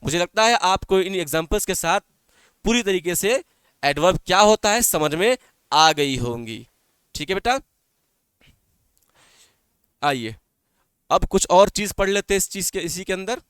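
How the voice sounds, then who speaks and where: A high-sitting, fairly bright voice with lively intonation moves at a measured pace with long pauses as a male English teacher explains in Hindi-Urdu during an online class. He repeats points, questions his students and calls them "beta," all in clean studio sound without echo.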